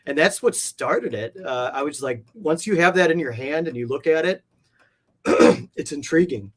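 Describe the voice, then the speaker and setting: With a rather high, expressive, fairly bright voice and moderate pace, a male interview guest who collects comic art spins casual, meandering tales thick with informal fillers.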